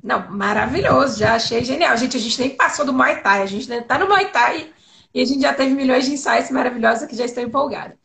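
A Brazilian woman hosting a casual conversation in an enthusiastic, expressive and informal way. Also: high-pitched, a little fast, creaky. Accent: Brazilian Portuguese. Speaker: host. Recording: faint background noise.

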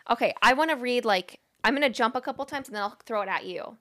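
Brief: young female co-host, bright voice, giggly, casual chat. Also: fairly high pitch, quick pace. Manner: giggly, chatty, swears casually. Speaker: podcast co-host.

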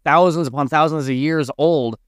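A man's voice: fairly high pitch, normal speed, smooth, no echo, studio quality. A man co-hosting a casual podcast, easygoing, laughing along and swearing casually. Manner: laid-back, agreeing, laughs often, swears casually. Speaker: podcast co-host.

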